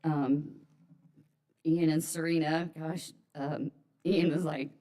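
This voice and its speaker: A woman's voice: low voice, steady tone, takes it slowly, warm tone. A middle-aged woman giving a chatty, rambling memorial speech full of ums and personal stories. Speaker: eulogy speaker, friend's mother. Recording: echoey hall, mic far off.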